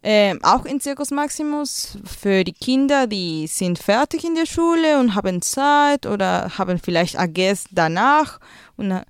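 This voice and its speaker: A young Peruvian woman, a native Spanish speaker, appears as a guest and school volunteer in a casual interview conducted in German. Her medium-pitched voice is clear and resonant with lively intonation and an unhurried pace, recorded dry. She hesitates often, using many fillers while searching for German words.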